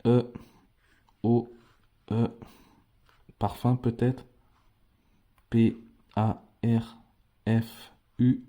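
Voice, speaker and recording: A scratch-card channel host chats casually to his viewers as friends, spelling out letters one by one as he scratches tickets for a vlog. His mid-range voice is warm and level, extremely slow, with frequent pauses.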